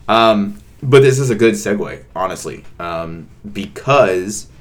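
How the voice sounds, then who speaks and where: Deep-voiced man, casual podcast co-host, chatty and repetitive. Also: animated, slow. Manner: rambling, repeats words, many fillers. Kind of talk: casual couple's podcast chat.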